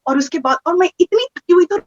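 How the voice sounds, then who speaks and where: A woman telling a personal story in a casual, animated way, slipping English phrases into her talk. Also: extremely high pitch, quick pace. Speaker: guest sharing experiences. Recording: muffled, dull audio.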